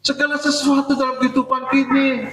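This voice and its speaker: A male pastor in a church preaches in a chatty, joking way and acts out people's complaints to God. His voice sits high and sounds bright and forceful. It carries the echo of a hall and is picked up from a distance. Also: little pitch movement, fairly quick, a little hiss or hum. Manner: conversational preaching with jokes and acted-out prayers. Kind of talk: sermon.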